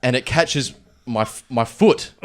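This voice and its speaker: A young man, a podcast co-host telling stories in casual chat, getting excitable and acting out his own shouts. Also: medium pitch, measured pace, a little hiss or hum. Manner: excitable, acts out shouted quotes in story.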